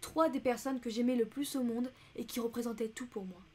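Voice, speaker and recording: A woman's voice: fairly high pitch, fairly even intonation, brisk, darkish tone, slightly rough. A woman reading as a composed proud countess. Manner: composed, restrained intensity. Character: dignified young countess, controlled and passionate.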